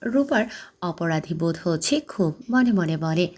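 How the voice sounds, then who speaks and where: A woman narrating a romantic audio story with steady, scripted delivery. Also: fairly low pitch, measured pace.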